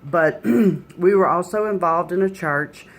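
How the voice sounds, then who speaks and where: A woman's voice: lowish voice, unhurried. A middle-aged woman, sharing a personal faith testimony in an earnest, conversational way, full of "you know"s.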